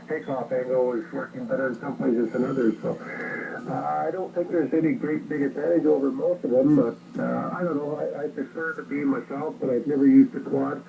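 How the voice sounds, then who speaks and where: A Canadian man with a mid-range voice and vocal fry chats casually as an amateur radio operator, rambling conversationally during a ham radio contact. He's heard over a noisy radio transmission captured by phone, with narrow, tinny audio.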